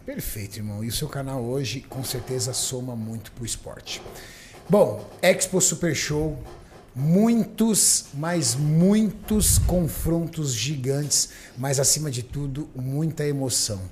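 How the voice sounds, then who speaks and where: A man's voice: mid-range voice, takes it slowly, darkish tone, slight background noise. A man hosting a podcast, steadily guiding the talk with questions. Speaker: podcast host.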